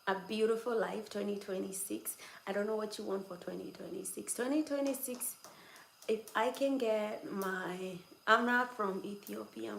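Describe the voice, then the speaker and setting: An adult woman over twenty-six hosts a casual livestream from home, chatting with and teasing viewers and laughing often. Her mid-range voice is gravelly and a bit bright, moving at normal speed. The room is echoey, with faint background noise.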